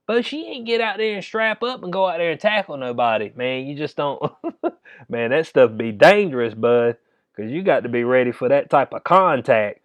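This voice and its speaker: A man with a Southern American accent delivers casual sports commentary as a comedic rant. His voice sits at a middling pitch, and he talks in slang with an incredulous, chuckling manner. The sound is dry, with very little room in it. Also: moderate pace, no room sound, highs cut off.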